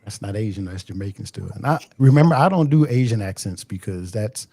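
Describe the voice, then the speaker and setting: A man's voice: on the low side, lively intonation, a little fast, dark tone, no room sound. A man in his forties co-hosting a podcast, teasing with wry humor and leading the topics. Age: 40s. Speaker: podcast co-host. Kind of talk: casual chat.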